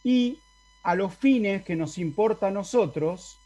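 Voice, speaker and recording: Slow, mellow-voiced male Latin teacher. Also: sits high, lively intonation. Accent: Argentine Spanish. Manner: explanatory, asks the class for confirmation. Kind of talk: online lecture. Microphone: video call.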